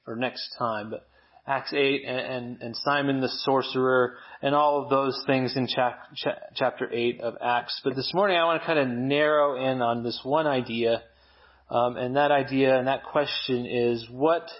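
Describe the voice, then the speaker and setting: A man's voice: medium pitch, highs cut off. Man preaching a casual sermon. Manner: conversational, self-deprecating storytelling. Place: church service.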